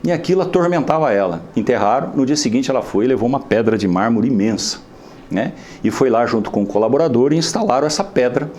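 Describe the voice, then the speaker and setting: A man with a Brazilian Portuguese accent giving an inspirational lecture at a spiritist center, talking in a lively, conversational way full of tag questions. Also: medium pitch, quick pace, slight background noise. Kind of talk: inspirational lecture with a humorous story.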